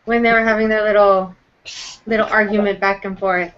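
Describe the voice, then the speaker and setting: A woman's voice: mid-range voice, little pitch movement, a little fast, smooth, lo-fi sound. A woman in a casual fan recap chat, rambling and stopping herself mid-sentence. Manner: rambling, self-interrupting. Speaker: podcast co-host.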